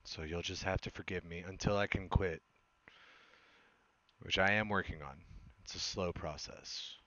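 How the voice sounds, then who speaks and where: A man's voice: sits low, steady tone, moderate pace, pushed and bright, dry recording, muffled recording. A man chatting casually as he streams gameplay, rambling and hesitant, with a self-deprecating manner and a smoker's voice. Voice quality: smoker's voice with occasional cough. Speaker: game streamer. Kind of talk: casual live gameplay chat.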